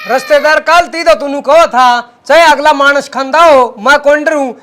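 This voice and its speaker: Pushy village relative male actor: Haryanvi, extremely high bright voice, insistent, challenging, rural comedy. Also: moderate pace. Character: pushy village man pressing a relative to keep his promise. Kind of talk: rural comedy skit acting.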